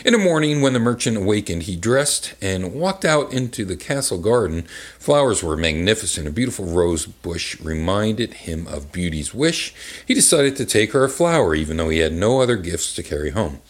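A man's voice: on the low side, sing-song, normal speed. Rambling man reading a kids' book aloud. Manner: rambling and crude, many fillers and asides. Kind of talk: comedic live book reading with commentary. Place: bar.

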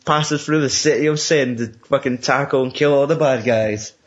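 A man's voice: medium pitch, normal speed. A young Scottish man chatting casually about a film, sweary and rambling, often laughing as he retells scenes. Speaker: podcast co-host. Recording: dull lo-fi recording.

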